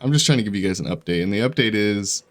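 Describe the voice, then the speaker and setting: Faint music plays behind a young man who talks fast in an expressive, lowish voice, clearly congested and sore-throated. He's a gaming YouTuber giving offhand commentary as he plays, drifting between thoughts, interrupting himself, and laughing frequently.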